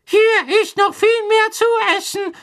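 A man voicing a timid, servile house elf in a squeaky, humble, apologetic voice for an audiobook. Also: fairly even intonation, measured pace, pushed and bright, exaggerated voice. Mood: eager.

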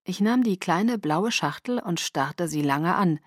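A woman narrating an audiobook in the first person with a calm, measured reading. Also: on the low side, dry recording, studio quality.

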